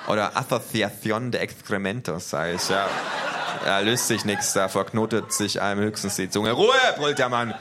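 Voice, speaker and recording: A man with a fairly low voice narrating a comic story. His asides are wry and quick, and he reads them like a storyteller. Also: steady tone, a crowd in the background.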